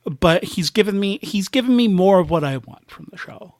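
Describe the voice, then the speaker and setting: A man's voice: sits high, animated, normal speed, background noise. A man guesting on a podcast, bantering and teasing the host with silly jokes. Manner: joking, teasing.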